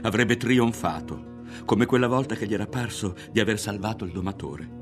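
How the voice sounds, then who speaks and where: A man narrating a literary novel in a dramatic, expressive reading with voiced characters. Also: fairly low pitch, moderate pace, over music. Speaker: audiobook reader.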